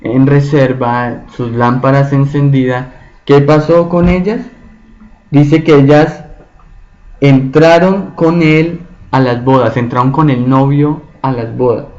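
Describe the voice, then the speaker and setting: A man leads a Bible study at a slow, deliberate pace, often pausing to check in with his listeners through rhetorical questions. The recording sounds dull and lo-fi. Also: mid-range voice, fairly even intonation, a little mellow. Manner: slow, asks the group frequent rhetorical questions.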